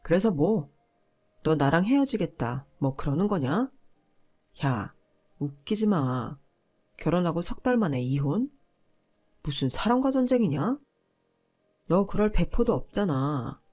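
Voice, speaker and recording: A woman voicing an arrogant young husband, speaking lower and with contempt, lecturing his wife. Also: sing-song, measured pace, pauses often, mellow. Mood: contemptuous.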